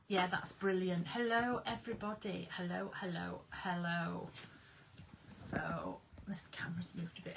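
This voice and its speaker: A woman hosting a casual craft live stream from her workroom, chatting in a bubbly, excitable way as she greets viewers and reads their comments. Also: medium pitch, noisy background.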